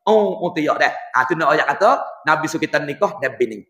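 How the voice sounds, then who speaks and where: Man, religious preacher, folksy and animated, high voice, echoey hall. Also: a little fast. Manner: folksy, animated, mixes scripture with dialect. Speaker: religious teacher. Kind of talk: Islamic sermon in local dialect.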